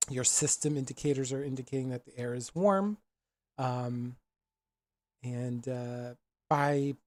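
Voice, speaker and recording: A man working as game master, improvising tabletop narration casually and haltingly as he searches for descriptive words. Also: mid-range voice, darkish tone, dry recording.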